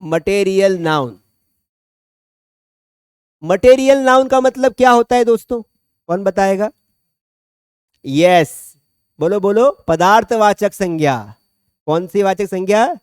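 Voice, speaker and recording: A man's voice: sits high, lively intonation, slow pace, long pauses, smooth, dry recording, clean studio sound. A man teaching English grammar in a classroom, speaking, chatty and joking as he quizzes students by name. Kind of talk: classroom lecture.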